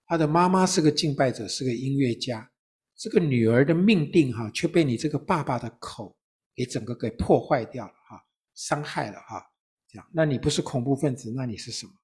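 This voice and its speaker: A man, a pastor, telling a personal testimony in an interview, with a storytelling manner and frequent soft tag particles at the ends of his phrases. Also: medium pitch, lively intonation, fairly quick, husky.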